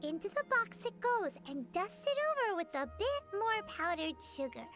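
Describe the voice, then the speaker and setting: A woman voicing a tiny, bubbly fairy girl companion in a game cutscene, chatty and excitable. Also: moderate pace, faint music behind, heavily acted. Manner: excitable, squeaky, sing-song.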